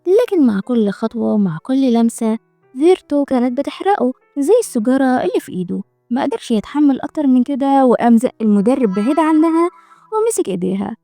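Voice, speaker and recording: Fast-talking Egyptian woman narrator. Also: sits high, sing-song, dark tone, dry recording, soft background music. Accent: Egyptian Arabic. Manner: chatty, joking asides. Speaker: drama recap narrator. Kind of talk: scripted narration.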